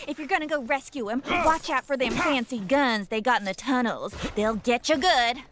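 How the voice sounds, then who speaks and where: A woman's voice: high-pitched, normal speed, lightly acted. A woman playing a flustered, folksy Old West townsperson in a video game, with an American Western drawl. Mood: folksy, excitable. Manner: folksy, exclamatory cowboy slang. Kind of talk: video game character acting. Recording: loud game noise behind.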